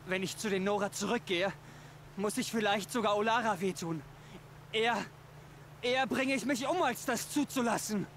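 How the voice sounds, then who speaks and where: Brief: a tormented man who hears voices, high-pitched and frantic, game dub. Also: a bit bright, slight background noise. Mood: haunted. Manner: frantic, desperate, halting. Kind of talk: video game voice acting.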